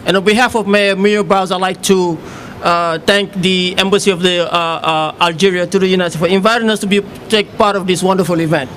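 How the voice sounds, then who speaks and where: A man from Senegal, giving formal remarks as a city office director, halting with many fillers. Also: high voice, steady tone, a bit bright, a little hiss or hum.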